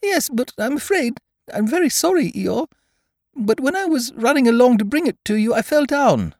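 A man voicing a small, timid piglet in a storybook, squeaky, hesitant and apologetic. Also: lively intonation, normal speed, no echo, clean studio sound, heavily acted. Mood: anxious, apologetic.

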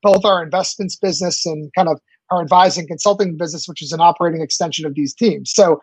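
A man's voice: a little high, fast talker, husky, no room sound, low-quality recording. A man in his late thirties, a startup founder answering interview questions eagerly, with many fillers and restarts. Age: 30s.

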